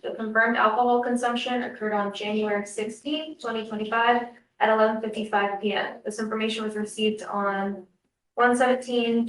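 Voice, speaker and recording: A courtroom recording of a woman giving formal testimony from the witness stand. Her voice sits a little high with very little melody, and it reaches the microphone from some distance in an echoing room. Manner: formal, procedural wording.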